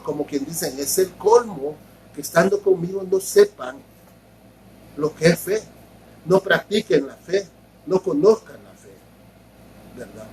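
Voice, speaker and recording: A man's voice: fairly high pitch, low-quality recording. A man preaching a sermon as pastor, explaining step by step, repeating words and often asking his listeners if they follow.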